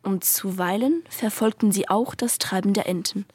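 A woman reading a story aloud for radio in a calm, even manner. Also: mid-range voice, moderate pace, slightly rough, no echo, studio quality. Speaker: reader.

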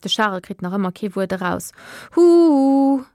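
A woman reading a children's story aloud with lively, expressive narration. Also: medium pitch, a little fast, dry recording, clean studio sound.

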